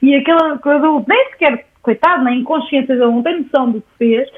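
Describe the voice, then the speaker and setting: A woman with a European Portuguese accent, telling a personal story on a podcast in an expressive way and often repeating words as she searches for them. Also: sits high, brisk. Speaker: podcast guest. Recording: tinny phone-like line.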